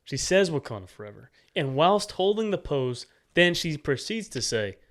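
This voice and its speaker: A young man co-hosting a podcast, chatting casually with teasing, deadpan quips. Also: a little high, unhurried. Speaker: podcast co-host.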